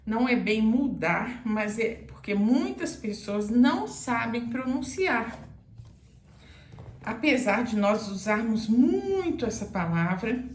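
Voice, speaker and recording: A woman teaching a grammar lesson straight to the viewer. She speaks slowly and carefully, explaining each point, in a fairly high voice. The sound carries a noticeable room echo. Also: big pitch swings. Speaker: Portuguese teacher. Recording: echoey room.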